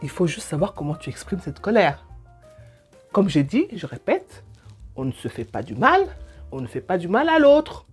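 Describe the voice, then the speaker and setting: Divorce coach lady, middle-aged, husky voice, talks casual and animated. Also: lowish voice, normal speed, faint music behind. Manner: expressive, colloquial, acts out scenes. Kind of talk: personal story and advice to viewer.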